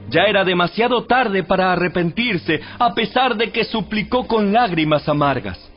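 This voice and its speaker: High male voice, solemn scripted Bible narration, slightly dull sound, light music behind.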